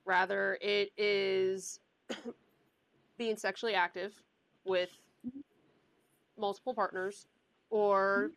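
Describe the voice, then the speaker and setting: A woman's voice: medium pitch, little pitch movement, drawn-out words, long pauses, a bit bright, no room sound, low-quality recording. A young woman hosting a casual podcast chat, giving frank advice and sometimes losing her train of thought. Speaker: podcast host.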